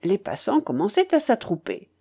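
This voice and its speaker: A woman narrating a literary audiobook in a measured, expressive storytelling manner. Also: mid-range voice, creaky.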